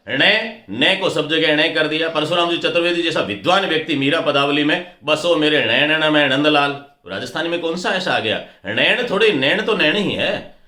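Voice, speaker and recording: A man's voice: fairly high pitch, pushed and bright. A middle-aged man giving a lecture on pronunciation for stage anchoring, repeating words to contrast right and wrong forms. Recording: echoey room.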